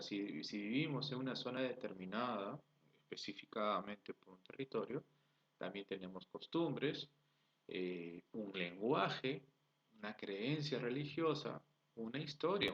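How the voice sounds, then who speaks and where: A man with a Peruvian accent teaching a class, explaining step by step, asking rhetorical questions and checking in with his students. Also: fairly low pitch. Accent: Peruvian Spanish. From Peru. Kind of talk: recorded online class lecture. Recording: dull lo-fi recording.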